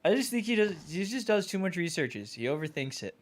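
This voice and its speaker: A man's voice: high voice, sing-song, fairly quick. A man co-hosting a casual sports betting chat, crude and teasing.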